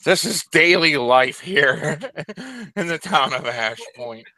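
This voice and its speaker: A man's voice: slow, sharp tone, no room sound. A man narrating a tabletop game as game master, breaking into crude sung parodies and laughing often. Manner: sings crude parody songs in a high put-on voice, laughs often.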